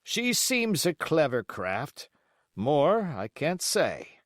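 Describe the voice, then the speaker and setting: A man's voice: fairly high pitch, huge pitch swings, extremely slow, no echo, studio quality, heavily acted. A man voicing a blunt, stern sea captain in an audiobook, speaking formally in clipped, emphatic phrases. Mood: blunt, dissatisfied. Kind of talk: audiobook character acting.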